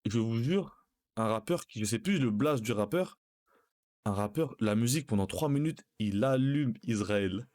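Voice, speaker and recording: Speaking at normal speed in a mid-range voice, a young man shares a story from his own life on a live stream. His delivery is animated, casual and full of slang, and he keeps calling his listeners brothers.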